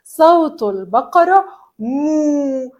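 A young woman teaching small children in an animated, sing-song way, imitating animal sounds. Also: high-pitched, drawn-out words. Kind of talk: children's educational lesson.

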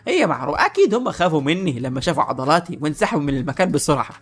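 A man's voice: fairly high pitch, sing-song, racing, husky. A man with an Egyptian accent voicing a boastful male fighter proud of his muscles. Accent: Egyptian Arabic.

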